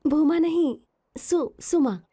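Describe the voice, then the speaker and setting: A woman's voice: sits high, slow, mellow. A young woman dubbing a proud, headstrong medical student who indignantly corrects people. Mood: polite. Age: young adult. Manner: indignant, corrects her name sharply. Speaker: medical student, hero's love interest. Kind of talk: Hindi film dubbing.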